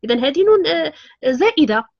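A woman's voice: sits high, very animated, fast, vocal fry, dull audio. A woman teaching Quran recitation rules, patiently explaining them step by step. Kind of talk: online tajweed lesson.

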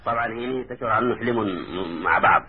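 A man with a Sudanese Arabic accent telling a folk tale and reciting rhymed verse in a measured chant. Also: mid-range voice, phone-quality sound, a little hiss or hum. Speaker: storyteller.

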